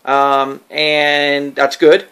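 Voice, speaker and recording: A man talking casually in a personal vlog, explaining things in a hesitant, halting way. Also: fairly high pitch, monotone, fairly bright tone, smooth. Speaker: vlogger.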